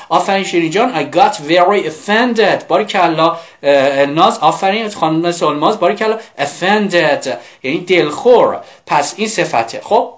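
An adult English teacher runs a live vocabulary class in Persian, speaking English phrases slowly and repeating them while tossing quick asides to the students. The voice is medium in pitch.

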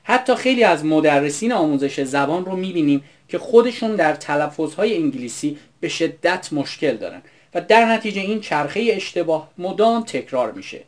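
A man's voice: fairly high pitch, sing-song, few pauses. A man from Iran narrating an English pronunciation lesson in a scripted, explanatory, upbeat way. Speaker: English teacher.

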